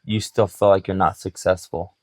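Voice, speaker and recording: Low-voiced man giving motivational talk. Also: level tone, moderate pace, no room sound, studio quality. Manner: reflective, motivational, uses sports examples. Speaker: podcast co-host. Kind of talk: casual podcast chat.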